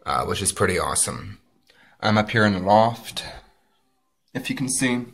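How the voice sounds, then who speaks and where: A creaky, husky, lowish male voice at normal speed narrates a home video of a do-it-yourself cabin build. He's laid-back, dropping lots of "uh" and "um," as the scene shifts from the backyard to inside a small wooden cabin.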